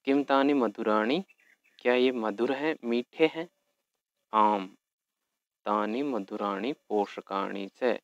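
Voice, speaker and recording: A man teaching a Sanskrit lesson at an unhurried, careful pace, breaking each word down letter by letter. His voice sits a little low and comes across smooth and clear. The recording is dry and a bit dull. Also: dry recording. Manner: slow, patient, spells words out letter by letter. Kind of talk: explaining a textbook lesson.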